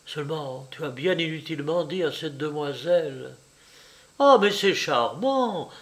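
A man reading an audiobook, voicing a passionate, nervous young woman who switches between hushed urgent whispers and bright raised chatter. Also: fairly high pitch, fairly even intonation, normal speed, close to an everyday voice.

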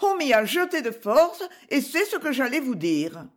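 Brief: a woman playing a frightened young miss in an audiobook, high, breathless, pleading. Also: sing-song, moderate pace. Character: flustered young girl, kidnapping victim. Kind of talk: audiobook character reading.

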